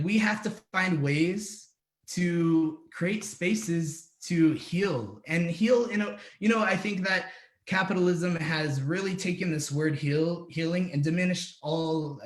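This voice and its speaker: A man's voice: fairly high pitch, echoey room. A man from the United States, an activist organizer speaking earnestly on a panel, with many restarts and fillers. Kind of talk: casual panel talk.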